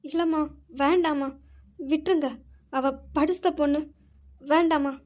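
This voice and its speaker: A woman's voice: high voice, steady tone, a little slow, darkish tone. Woman playing a pleading timid housemaid. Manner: pleading, hesitant. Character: timid middle-aged housemaid mother, fearful.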